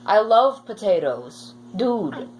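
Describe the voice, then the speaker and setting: This young vlogger, teen or young adult, has a mid-range, sing-song voice with a darkish tone and speaks slowly. Her storytime chat about school wanders casually and turns playfully dramatic, captured in low-quality audio with faint noise behind her.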